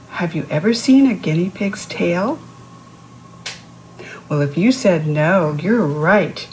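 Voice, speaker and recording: With a lowish, somewhat mellow voice, a woman reads a picture book aloud to young children as a read-aloud host, asking listeners questions and explaining words in an instructive way. The recording is low quality, with slight background noise.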